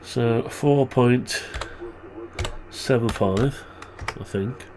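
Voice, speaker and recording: A man's voice: mid-range voice, extremely slow, a crowd in the background. A man with a muffled, blocked-nose voice, tired and stuffed up with flu, rambling as he thinks aloud through a casual hobby tutorial. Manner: rambling, muttering to himself. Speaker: hobbyist presenter.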